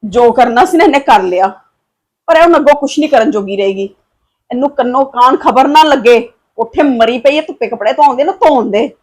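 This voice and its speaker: Woman acting as a tough protective mom, high voice, firm and soothing. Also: expressive, brisk. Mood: reassuring. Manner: firm and defiant, soothing her daughter. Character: protective, fierce middle-aged Punjabi mother. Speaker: mother. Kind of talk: scripted family drama.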